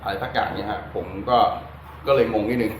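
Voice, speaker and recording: A man with a lowish voice and steady tone hosts a DIY guitar electronics tutorial, talking fairly quickly in a chatty, unscripted, easygoing way as he demonstrates hands-on. He's an adult with a child, and the poor audio carries slight background noise.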